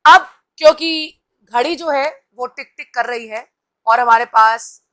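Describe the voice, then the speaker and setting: A woman's voice: fairly high pitch, a little slow, fairly bright tone. A woman host giving a live-stream motivational talk, coaching viewers directly and reading out their comments. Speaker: TV anchor and host.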